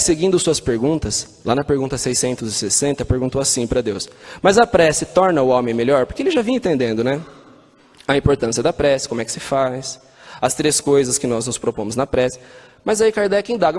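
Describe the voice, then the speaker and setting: A man's voice: medium pitch, darkish tone. A man giving a spiritist lecture, telling anecdotes and asking the audience questions. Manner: storytelling with anecdotes and quoted dialogue. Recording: long hall reverb.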